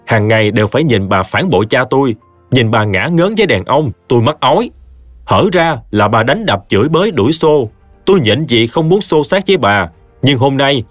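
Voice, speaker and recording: A man's voice: mid-range voice, dry recording. A man voicing a resolute young woman, a wronged stepdaughter, speaking firmly and cuttingly. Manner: firm and cutting.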